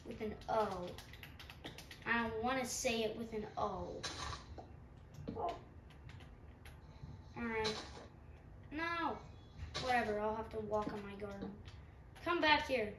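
Woman, stuffy nose, high-ish voice, unhurried, rambling game commentary, roomy room, mic set back. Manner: chatty, rambling, self-mocking. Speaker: gaming channel host. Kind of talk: let's-play commentary. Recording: roomy, distant mic, faint background hum.

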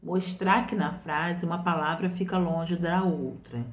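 Low-pitched woman teacher from brazil explaining patiently, kinda roomy and muffled sound. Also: steady tone, measured pace. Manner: patient, explains step by step with repetition. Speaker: literacy teacher. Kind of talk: didactic explanation. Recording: roomy, muffled home recording.

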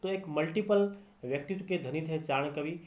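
A man's voice: on the high side, normal speed, darkish tone. A man teaching Hindi literature in a lecture, explaining step by step and repeating key phrases. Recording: echoey room.

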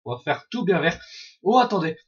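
A man giving excitable, profanity-laden commentary while playing an online game, often shouting at opponents. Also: fairly high pitch, fairly quick, dull audio. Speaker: gaming video host. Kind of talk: Let's Play commentary.

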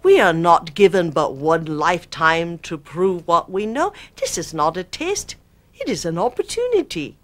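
A woman voicing an ancient male spirit with a put-on British accent, speaking in slow, solemn, archaic phrases. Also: fairly low pitch, very animated. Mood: declaiming. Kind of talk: channeling performance.

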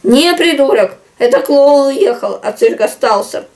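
A woman's voice: high-pitched, expressive, a little slow, darkish tone. A woman voicing a mocking inner voice in a drunk's head that scolds in a snide way. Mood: scolding.

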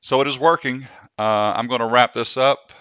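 A man hosting a screen-recorded software tutorial, speaking slowly and deliberately so he can demonstrate dictation commands. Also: mid-range voice, steady tone, clean tone, no room sound.

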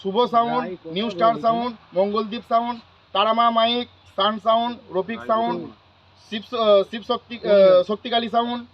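A man's voice: extremely high pitch, flat delivery, a little fast. A man speaking as a spokesman at a public meeting, reading out a long list of names with some hesitations. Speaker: sound system association spokesman. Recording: muffled, crowd noise behind. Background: crowd.

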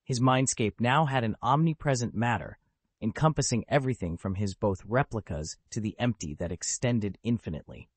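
A man narrating an audiobook with a steady, literal reading of the text. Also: mid-range voice, normal speed, husky, no echo. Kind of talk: scripted narration.

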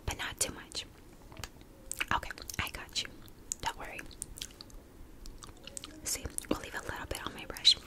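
A young woman whispers very close to the microphone in an ASMR role-play. Her soft phrases are repetitive and soothing, mixed with tingly mouth sounds. The whispered role-play is addressed straight to the listener. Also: unhurried, long pauses. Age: young adult. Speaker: ASMR video creator. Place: small indoor room. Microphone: close to the mic, facing camera.

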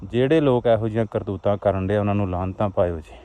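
A man's voice: fairly low pitch, fast talker, warm tone. A man with a Majhi Punjabi accent making a plaintive, exhortative outdoor vlog appeal to viewers. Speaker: vlogger. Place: outdoors on a rural roadside.

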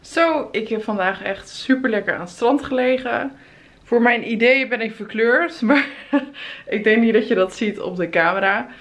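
A twenty-something travel vlogger speaks at a fairly high pitch and moderate pace, her tone fairly bright. Holding the camera at arm's length, she chats upbeat through a casual holiday vlog set outdoors, in hotel rooms and at a spa.

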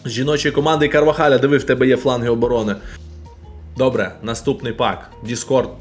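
A man streaming and commenting casually on a game, excitable, bursting into loud exclamations. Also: medium pitch, fast talker, soft background music.

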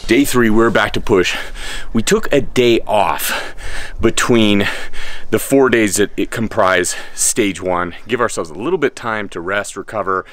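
An unhurried man in his thirties, his voice on the low side and a bit bright, narrates a workout as a fitness coach. He's laid-back and enthusiastic, explaining exercises from an outdoor home gym by a garage.

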